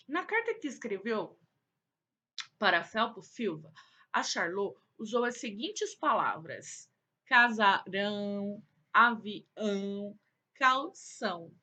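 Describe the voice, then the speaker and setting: Bright-voiced Brazilian woman teaching kids. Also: on the high side, husky. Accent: Brazilian Portuguese. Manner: affectionate, coaxing, asks and answers her own questions. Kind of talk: recorded online lesson for children.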